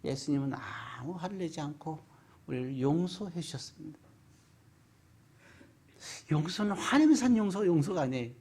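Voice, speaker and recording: A pastor preaching a Sunday sermon, asking the congregation questions and swinging between loud and hushed. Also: medium pitch, animated, normal speed, pauses often, a little hiss or hum. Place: church sanctuary.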